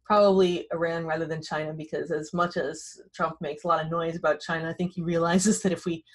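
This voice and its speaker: A woman's voice: sits low, little pitch movement, a little fast. A woman hosting a podcast interview, talking in a wry, rambling way with frequent self-corrections. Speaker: podcast host. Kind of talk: casual conversational interview.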